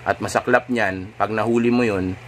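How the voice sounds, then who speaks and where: A man's voice: fairly low pitch, steady tone, moderate pace, a bit bright, slight background noise. Man giving casual dating advice. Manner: keeps checking in with rhetorical tags. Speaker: dating coach.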